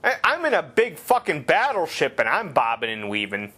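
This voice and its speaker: A man's voice: on the high side, huge pitch swings, normal speed, bright, forceful tone, slightly rough. A man giving casual gameplay commentary, rambling and sarcastic with heavy swearing.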